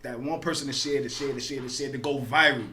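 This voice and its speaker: A man in his thirties co-hosting a podcast, talking in casual, joking street slang with lively energy. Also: medium pitch, fast. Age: 30s. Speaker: podcast co-host. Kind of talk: casual chat.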